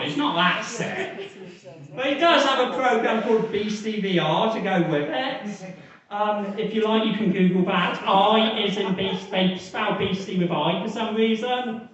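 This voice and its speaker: A man performing a crude stand-up story on a comedy club stage, telling it in a deadpan way. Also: sits high. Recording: echoey club, mic from far off, dull sound.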